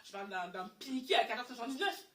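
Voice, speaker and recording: A young woman tells a story in a casual chat, animated and exasperated, circling back over her own words. Her voice is bright and sits a little high. She sounds distant from the mic, in a room with plenty of echo. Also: quick pace. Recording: echoey room, far from mic.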